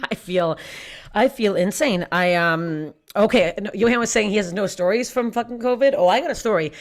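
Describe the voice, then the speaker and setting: A woman's voice: mid-range voice, moderate pace. A young woman comic from Canada working an online stand-up set. She is brash and self-mocking, swears freely, and often laughs through her own punchlines. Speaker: stand-up comedian. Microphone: streamed stand-up.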